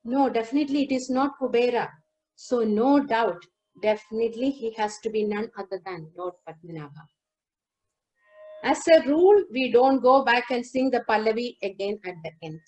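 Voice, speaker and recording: A woman giving a lecture demonstration over a video call, explaining song lyrics line by line and singing a few verses slowly. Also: on the high side, darkish tone, faint music behind, rough recording. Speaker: lecturer on Carnatic music. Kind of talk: lecture demonstration with sung lines.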